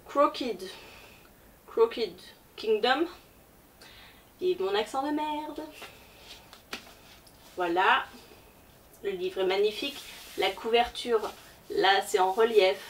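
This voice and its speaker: A book vlogger talks casually through her book haul, chatty and hesitant, with plenty of fillers. Her voice sits on the high side, and she goes slowly with long pauses. The mic is distant, with faint noise in the background.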